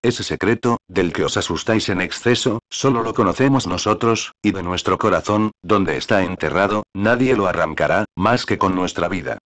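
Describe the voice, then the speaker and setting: A male audiobook narrator tells the story in an even, deliberate way. His voice sits very deep and low.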